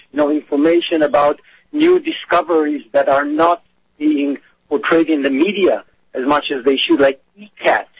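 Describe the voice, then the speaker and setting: A man from Israel calling in to a radio talk show. He speaks eagerly but haltingly, with many fillers, over a clipped phone line. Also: a little high, gravelly, slightly rough, dry recording. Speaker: caller. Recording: muffled phone-line call.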